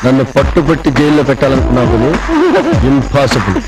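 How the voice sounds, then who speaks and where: A man's voice: mid-range voice, steady tone, fast, lightly acted, low-quality recording. An actor playing a vengeful thug who taunts and threatens his enemy with a public beating. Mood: threatening. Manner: menacing, taunting. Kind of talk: Telugu film comedy scene. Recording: film soundtrack with loud music.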